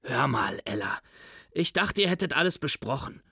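A man's voice: mid-range voice, big pitch swings, normal speed, bright, forceful tone, husky, no room sound, clean studio sound, exaggerated voice. A man voicing a worried, indignant father in a children's book reading, sounding dismayed and pleading. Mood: upset.

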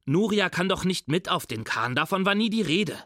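A man's voice: high voice, lively intonation, normal speed, bright, forceful tone, dry recording, clean studio sound, voice pushed up. A man voicing a worried, indignant father in a children's book reading, sounding dismayed and pleading. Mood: upset.

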